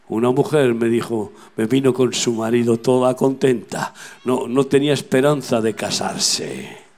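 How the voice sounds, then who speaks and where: Fervent older street preacher. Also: male voice, medium pitch. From Spain. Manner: fervent, preaching loudly to passers-by; addresses listener as friend, asks rhetorical questions. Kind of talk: sermon. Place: outdoors on a street.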